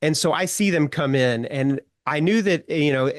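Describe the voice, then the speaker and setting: Animated middle-aged man telling stories. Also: a little high, moderate pace, no echo, studio quality. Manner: animated storyteller, chuckles often, many fillers. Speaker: guest writer. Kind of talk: casual anecdotal storytelling.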